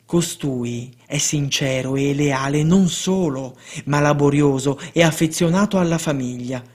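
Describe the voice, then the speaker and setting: A man reading the lines of a kindly saintly priest in a calm, gentle, plain way. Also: a little high, unhurried. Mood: tender.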